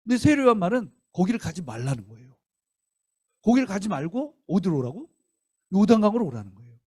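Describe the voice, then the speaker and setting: Lively storytelling male preacher. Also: high-pitched, fast talker, breathy edge, dry recording, studio quality. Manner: lively storytelling, rhetorical questions. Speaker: guest missionary preacher. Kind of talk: revival sermon. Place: church sanctuary.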